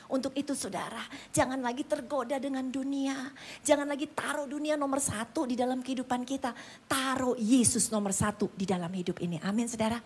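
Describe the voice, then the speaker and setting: High-voiced woman preaching a dramatic story. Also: a little mellow, breathy edge. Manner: dramatic, often addresses the congregation as brothers and sisters. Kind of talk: sermon storytelling.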